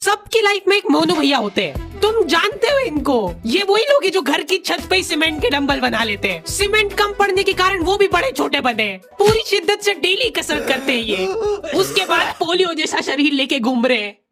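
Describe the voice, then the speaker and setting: A bright, high-pitched woman narrating a comic cartoon with lively swings in her pitch. Her delivery is playful and mocking, and faint music plays under her voice. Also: normal speed.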